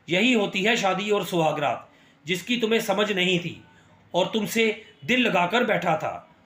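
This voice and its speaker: A man's voice: high-pitched, fairly bright tone, reverberant. Man reading as a harsh domineering husband. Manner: harsh and scolding. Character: angry domineering young husband.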